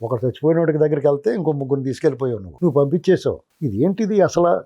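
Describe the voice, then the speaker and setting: A man's voice: on the high side, lively intonation, racing, warm tone, highs cut off. A middle-aged man, a political analyst, giving heated commentary in an interview, rhetorically scolding a politician as "you".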